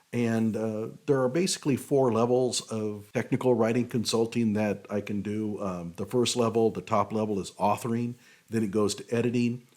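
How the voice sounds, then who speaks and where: A man's voice: on the low side, darkish tone. A man hosting his own show, critiquing a legal document in an explanatory, opinionated way with frequent fillers. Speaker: show host and technical writing consultant. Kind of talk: casual commentary critiquing a document.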